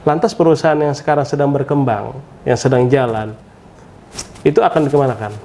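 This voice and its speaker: A middle-aged man hosts a relaxed podcast chat in a fatherly, encouraging way. His voice is dark and gravelly. Faint background noise sits under the recording. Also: mid-range voice, brisk. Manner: fatherly, affirming with frequent hums. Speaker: podcast host, former teacher. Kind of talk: casual interview chat.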